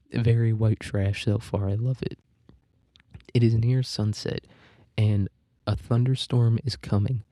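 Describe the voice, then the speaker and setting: A man with a dark, mellow, fairly low voice reads a story aloud and keeps stopping for crude, irreverent jokes. The sound is dry and close, with no room echo. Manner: irreverent, swearing, laughing asides. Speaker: podcast host. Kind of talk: reading a story aloud with casual commentary.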